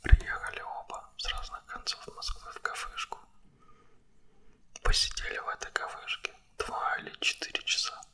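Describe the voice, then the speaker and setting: A man speaking an ASMR monologue straight to the listener in a breathy, unvoiced whisper, right in the ear and close to the mic, with blunt wording. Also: normal speed, sharp tone. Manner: blunt, coarse language.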